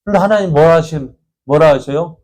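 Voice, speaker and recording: A man preaching a midweek sermon in a church, putting questions to the congregation and answering them himself. He grows lively when retelling the story and drops quiet on the answers. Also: a little high, normal speed. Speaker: pastor.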